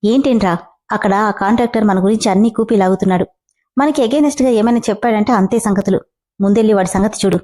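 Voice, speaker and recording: A woman's voice: medium pitch, fast talker, mellow, lightly acted. A woman reading the lines of a scheming, sarcastic middle-aged man. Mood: sneering. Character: scheming, sneering middle-aged brother-in-law.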